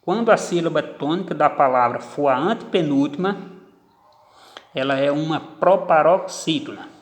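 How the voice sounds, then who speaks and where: A man teaching a grammar lesson, stressing each example word slowly and deliberately. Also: on the high side, lively intonation. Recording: echoey room with long reverb.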